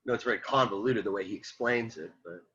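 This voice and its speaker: Male philosophy lecturer, bright forceful husky voice, animated and repetitive, dull lo-fi classroom audio. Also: on the low side, fast talker. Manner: animated, repeats himself, rhetorical questions to students. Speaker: philosophy teacher. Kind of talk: classroom lecture reading and explaining a text.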